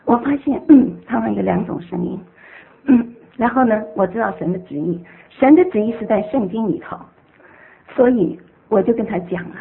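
A woman telling the story of her faith testimony to a church group, animated and emotional. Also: medium pitch, moderate pace, creaky, husky. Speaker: church member giving a testimony. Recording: tinny phone-like sound.

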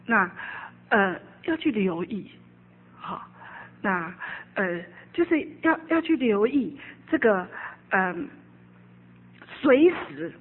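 A middle-aged woman, a preacher giving an animated, emphatic sermon testimony that often drops into quiet asides. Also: mid-range voice, slow, long pauses, slightly rough. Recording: narrow phone-like sound.

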